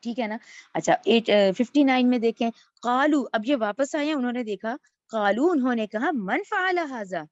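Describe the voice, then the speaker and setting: A woman's voice: a little high, dry recording, highs cut off. A woman teaching a verse-by-verse religious lesson, reciting Arabic phrases and then explaining each one. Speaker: Quran teacher.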